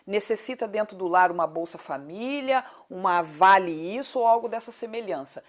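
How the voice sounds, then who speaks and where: A woman from Paraná, 38 years old and standing for city council, is the guest in an interview, speaking with a medium-pitched, animated voice at normal speed. Carrying a southern Brazilian accent, she answers conversationally, stressing and repeating her points and throwing in rhetorical questions.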